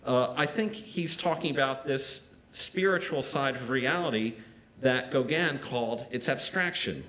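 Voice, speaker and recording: A man's voice: mid-range voice, a bit bright, low-quality recording. Man reading an art-history lecture. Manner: measured, with small restarts and asides. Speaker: art critic giving a museum lecture. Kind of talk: reading a prepared lecture aloud. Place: museum lecture hall.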